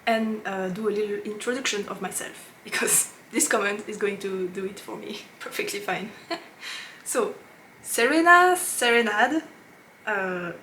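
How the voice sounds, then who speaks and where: A woman with a French accent, a knitting podcast host chatting casually, laughing often and pausing with fillers as she searches for English words. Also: mid-range voice, steady tone, fairly bright tone, slight background noise. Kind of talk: casual chat to camera.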